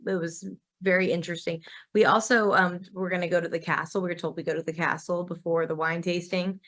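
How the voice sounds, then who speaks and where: A woman's voice: lowish voice, little pitch movement, brisk, a bit bright. A young adult woman from Texas, co-hosting a podcast in upbeat casual chat peppered with "like". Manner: chatty, upbeat, full of "like". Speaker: podcast co-host.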